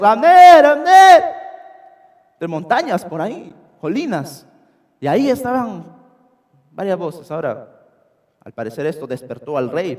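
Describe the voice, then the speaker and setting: A man delivers an expository sermon from the pulpit in a church sanctuary. His voice sits high and carries with emphasis, often calling the congregation his brethren. A long reverb from the hall follows his words. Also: darkish tone. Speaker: preacher.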